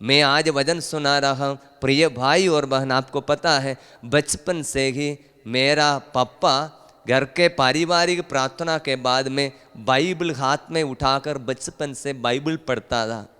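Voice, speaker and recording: In a large hall at a family retreat, a male priest preaches a rousing sermon, urging the crowd to call out hallelujah and rising to loud, emphatic peaks. His medium-pitched voice is smooth and steady at a slow pace, with a big-room sound.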